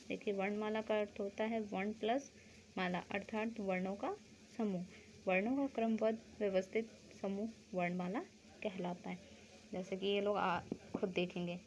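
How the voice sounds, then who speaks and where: A woman's voice: medium pitch, a little mellow, slight background noise. A woman teaching a school grammar lesson, explaining step by step, asking questions and answering them herself, checking in often with the class.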